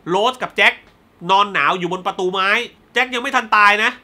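A male film reviewer with a bright, forward voice talks through a film in a loose, spoiler-heavy way. He is blunt and fired up and swears freely before apologizing. He slips into quick acted-out lines of dialogue while he recaps scenes. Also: sits high. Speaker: movie reviewer.

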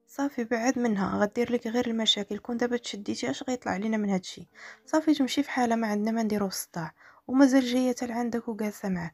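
A woman voicing a young man with a Moroccan accent who loudly and insistently lectures his friend. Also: on the high side, very fast, no echo. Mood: scolding. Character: angry young male friend, scolding.

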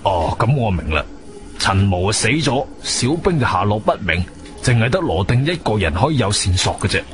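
An actor with a Guangzhou Cantonese accent playing a weary, sceptical police colonel in a radio drama, speaking in a hesitant, official manner. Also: male voice, on the low side, very animated, moderate pace. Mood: cautious. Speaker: supporting actor. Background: music.

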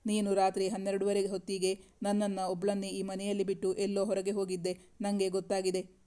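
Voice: medium pitch, completely flat delivery, fairly quick, mellow, clean tone, lightly acted. A narrator reading the lines of a frightened, hurt young woman in an audiobook romance novel. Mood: anxious.

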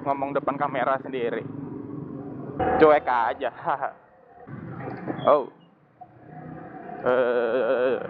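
A young man chatting casually while riding a motorcycle through city traffic, slangy and laughing often, through a wired mic inside his helmet. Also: on the high side. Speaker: motovlogger. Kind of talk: casual motovlog chat. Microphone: wired earphone mic from phone into helmet. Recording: tinny phone-like mic with loud traffic noise. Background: traffic and engine noise.

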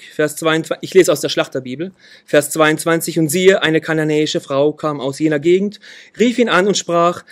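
A man preaching a sermon, reading Bible verses aloud and repeating key phrases with earnest emphasis. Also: fairly high pitch.

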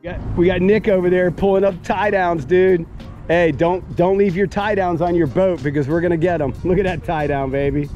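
An excited man narrating his magnet fishing outdoors at a waterfront, hyped and shouting catchphrases. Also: sits high, moderate pace, highs cut off, soft background music. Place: outdoor waterfront docks and park.

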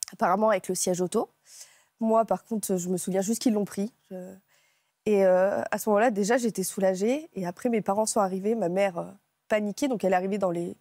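A woman guest on a TV talk show, retelling a personal ordeal in a halting, emotional way, with frequent restarts. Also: medium pitch, mellow, no room sound, clean studio sound. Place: TV studio set.

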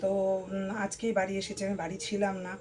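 Hoarse woman, home vlog, quick flat delivery, talks to viewers while cooking. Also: medium pitch, soft background music. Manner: chats straight to viewers while cutting vegetables. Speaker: vlogger. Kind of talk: casual vlog chat to viewers. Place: her home.

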